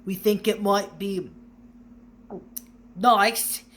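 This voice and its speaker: Uncle Vernon, voiced by a woman, blustering and loud. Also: medium pitch, fairly even intonation, extremely slow, slight background noise. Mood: forced calm. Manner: loud, stammering, sneering. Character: blustering, bullying middle-aged uncle.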